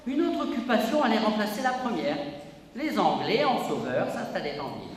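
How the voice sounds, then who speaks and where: Man giving a declamatory speech in a hall. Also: sits high. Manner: declamatory, emphatic public-speaking delivery. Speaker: president of a local history society. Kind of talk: formal inauguration speech. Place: indoor exhibition hall. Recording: echoey hall, voice from a distance, faint room noise.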